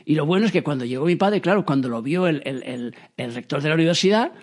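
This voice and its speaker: A slightly high-voiced guy races through a story about his father. Whenever he quotes someone he acts it out in a little voice, his delivery is lively, and his sentences often restart.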